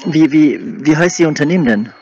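A man's voice: fairly high pitch, lively intonation, fairly quick, darkish tone. A man receiving a sales call on a crackly cordless phone line, who presses the caller with repeated questions. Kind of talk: phone conversation. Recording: muffled distant phone audio.

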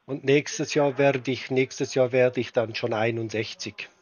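A man in a prank phone call, talking slowly and pedantically while pretending to be confused. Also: medium pitch, steady tone. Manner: slow, pedantic, feigning confusion. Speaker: prank caller baiting a scammer.

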